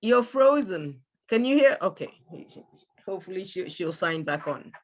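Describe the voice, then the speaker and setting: High-voiced man moderating a town hall. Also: sing-song, normal speed, dull audio. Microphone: video call.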